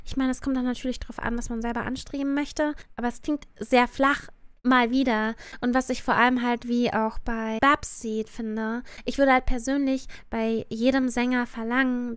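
Cute anime streamer girl, adult woman, really high voice, dry close mic, ranting casually with english slang. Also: smooth, dry recording. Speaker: VTuber streamer reviewing a cartoon song dub. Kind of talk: casual reaction commentary on a livestream.

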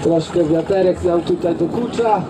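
A man's voice: high voice, normal speed, very noisy. A man working as event announcer, giving live commentary to a crowd at an outdoor carriage-driving competition in a chatty manner. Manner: chatty, addresses the crowd directly. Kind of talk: live sports commentary over a public address.

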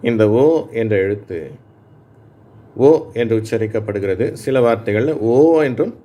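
A man teaching English reading to adults in Tamil. He speaks slowly and patiently, repeats his points and checks with his listeners. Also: fairly low pitch, dark tone. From Tamil Nadu, India. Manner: patient, reassuring, repeats points and asks "சரியா?". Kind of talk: slow spoken lesson for adult learners.

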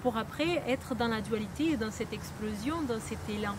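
A woman's voice: on the high side, moderate pace. A woman with a non-native accent teaching a lesson, patiently explaining with frequent hesitations and restarts. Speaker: Ayurveda teacher.

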